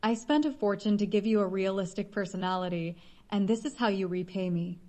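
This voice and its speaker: A woman's voice: medium pitch, fairly quick, a little mellow, lightly acted. A woman reading the lines of a cold, demanding businessman, curt and commanding, in an audiobook.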